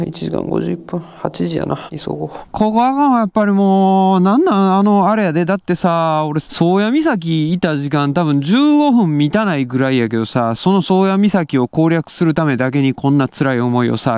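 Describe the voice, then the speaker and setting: A man's voice: fairly high pitch, vocal fry, a little mellow. A man with a Kansai accent, chatting and grumbling to the camera from a helmet mic while he rides a motorcycle. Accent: Kansai Japanese. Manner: chatty, self-mocking, grumbling about the cold. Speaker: motovlogger. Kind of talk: casual motorcycle vlog commentary. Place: riding a motorcycle outdoors on a road at night. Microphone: external helmet microphone.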